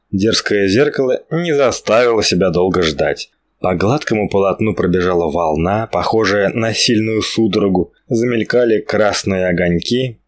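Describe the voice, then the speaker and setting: A man narrating a story in a measured, expressive reading. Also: fairly low pitch. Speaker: audiobook narrator. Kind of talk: scripted narration.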